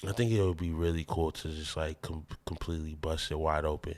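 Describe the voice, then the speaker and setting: A man's voice: extremely low pitch, fairly even intonation, fairly quick, a little mellow. A man from the American Midwest, a musician guest talking in a loose, rambling, laid-back way on a casual podcast.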